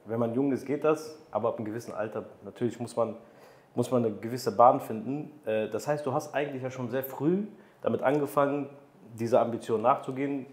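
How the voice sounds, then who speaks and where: A man in his thirties hosts an interview podcast from a studio room with a city view, asking questions and hammering home motivational points with emphasis. His mid-range, darkish voice moves fairly quickly, caught by a boom-arm desk mic in an echoey room.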